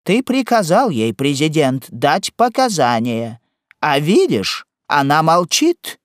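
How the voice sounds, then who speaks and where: A man voicing a malicious male shoemaker who mocks and shouts accusations in a courtroom, read aloud as an audiobook. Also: a little high, wildly swooping pitch, slow, dry recording, clean studio sound, voice pushed up, full character voice. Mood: insistent. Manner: mocking, shouting.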